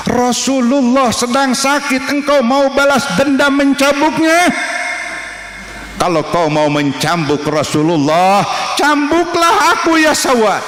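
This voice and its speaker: A man's voice: very high-pitched, voice pushed up, exaggerated voice. A man preaching, voicing an indignant loyal companion who offers to take the whipping himself. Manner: loud indignant protest. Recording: echoey hall with faint noise.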